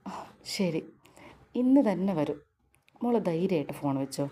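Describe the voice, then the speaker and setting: A woman's voice: on the low side, expressive, normal speed, mellow, lightly acted. A woman voicing a kind, doting mother-in-law who soothes and reassures. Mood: soothing. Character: kindly doting middle-aged mother-in-law.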